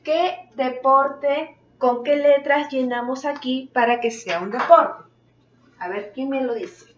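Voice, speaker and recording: A woman's voice: high-pitched, slow pace. A woman teaching French vocabulary to children, who speaks Spanish as her first language and talks patiently, asking questions and repeating the phrases. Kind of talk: classroom lesson. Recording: roomy, distant, dull sound.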